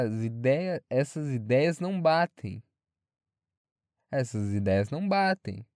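Um jovem brasileiro falando sozinho de forma casual, franca e cheia de palavrões, divagando sobre a faculdade. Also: male voice, mid-range voice, darkish tone, smooth, dry recording, studio quality. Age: young adult. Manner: frank, rambling, swears freely. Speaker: podcast host. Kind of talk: casual solo monologue.

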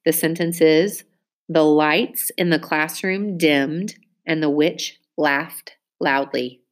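A woman teacher giving a spelling test, reading each word clearly and using it in an example sentence. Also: deep voice, steady tone, slow pace. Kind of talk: spelling dictation lesson.

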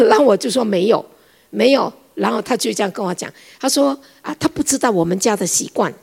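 A middle-aged woman giving a sermon, telling a family story in an animated way and acting out the dialogue. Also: a little high, fast, gravelly, breathy edge. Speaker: preacher.

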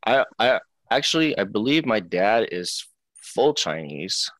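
Low-voiced young man chatting casually. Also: measured pace, no room sound. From Seattle, United States. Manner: relaxed, chatty, many fillers and restarts. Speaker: professional wrestler, guest. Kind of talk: casual interview talk.

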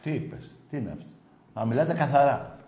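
A foul-mouthed man hosts a football call-in show, scolding callers and erupting into shouts. His voice has a middling pitch. The room around him is echoey. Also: expressive. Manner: combative, swearing, shouting bursts. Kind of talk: rowdy call-in football talk.

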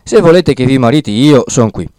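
A man's voice: medium pitch, fairly quick, no room sound, studio quality, lightly acted. A man voicing a fretful old village priest. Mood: placating. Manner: fretful, rambling, excitable. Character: timid fussy old male village priest. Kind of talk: audiobook character reading.

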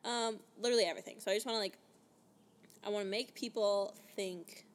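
A woman's voice: medium pitch, steady tone, brisk. A woman of twenty-two from British Columbia, hosting a podcast in casual, chatty talk full of "like" and casual swearing, recorded outdoors. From British Columbia, Canada. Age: 20s. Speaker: podcast host. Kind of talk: casual chat.

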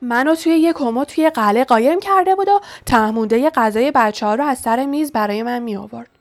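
A woman's voice: a little high, animated, faint music behind. A woman voicing an ancient, blind giant male spider in an audiobook, speaking in furious outbursts. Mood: angry. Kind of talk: audiobook reading.

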